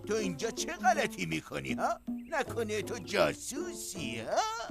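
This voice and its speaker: A man's voice: high voice, wildly swooping pitch, gravelly, music in the background, full character voice. A man dubbing a commanding village man in a TV drama. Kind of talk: dubbed TV drama.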